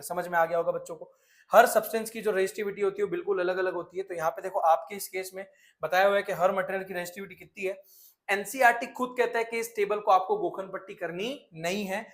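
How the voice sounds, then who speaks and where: A lively man teaching a science class for exam prep, with a high voice. He switches between Hindi and English as he talks. He fires questions at the students and answers them himself. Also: brisk. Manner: energetic, mixes Hindi and English, asks and answers his own questions.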